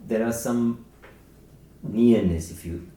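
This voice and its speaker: A man who isn't a native English speaker talks informally about books as an author, often searching for his words. His voice is medium-pitched, slow and warm. The recording comes from an echoey room with a distant mic and faint noise.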